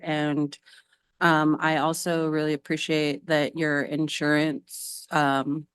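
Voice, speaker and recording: Slow, smooth-voiced woman board member. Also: deep voice, no echo. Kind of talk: meeting remarks.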